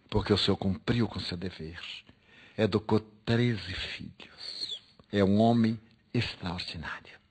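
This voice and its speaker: A man's voice: on the low side, husky. An older man telling a moving personal story, acting out the dialogue with feeling. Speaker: speaker. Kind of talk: recorded spiritual talk.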